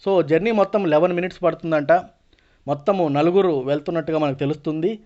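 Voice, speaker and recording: A man's voice: on the high side, quick pace, a little mellow. A man with a Telugu accent teaching an online exam-prep lesson, explaining as he goes and mixing Telugu with many English words. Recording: dull, lo-fi voice recording.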